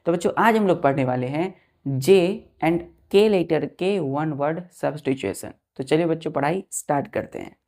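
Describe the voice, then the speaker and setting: A woman's voice: low-pitched, expressive, normal speed, a little mellow. A woman teaching a vocabulary lesson, spelling words letter by letter and patiently repeating them for children.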